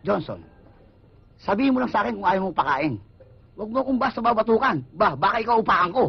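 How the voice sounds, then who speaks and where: A husky, high-voiced joker, cheeky, dull film sound. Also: male voice, expressive, fast talker, exaggerated voice. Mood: joking. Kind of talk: comedic film acting.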